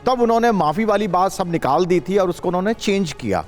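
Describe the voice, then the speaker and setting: A man commenting as a guest analyst on a live news show, talking in a halting way with many hesitations and restarts. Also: sits high, lively intonation, soft background music.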